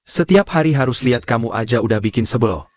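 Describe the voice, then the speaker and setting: Man playing a scornful father, rapid scolding, mocking, mid-range voice, drama dub. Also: medium pitch, expressive, no room sound, natural voice. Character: scornful, quarrelsome father at home. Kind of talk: dubbed drama dialogue.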